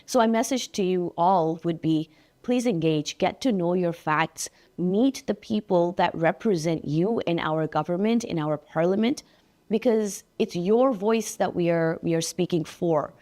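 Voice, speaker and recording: Earnest low-pitched woman, political candidate. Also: dark tone. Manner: measured, earnest and persuasive. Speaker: election candidate being interviewed. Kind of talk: interview answers.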